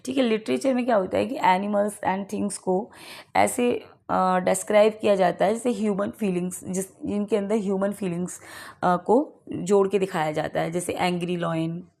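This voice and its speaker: An Indian woman teaching English literature for an exam, with a gravelly, creaky edge to her mid-pitched voice. She reads each question out slowly, then explains it in easy conversational Hindi. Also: steady tone, a little mellow. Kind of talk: exam-prep lecture.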